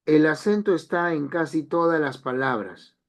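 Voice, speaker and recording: A man's voice: a little high, normal speed. A man teaching an online language class, explaining step by step and repeating key phrases.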